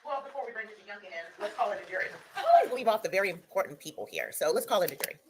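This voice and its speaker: A woman judge running court proceedings in a brisk, procedural way, with frequent ums, heard through a courtroom recording played back. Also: medium pitch, expressive, crowd noise. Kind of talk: presiding over court proceedings.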